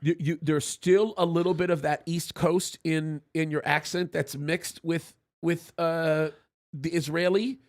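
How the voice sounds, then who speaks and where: An Egyptian man with a fairly high-pitched voice hosts a live stream show, chatting casually and reading viewer messages aloud. He's animated, laughs easily, and often restarts his sentences.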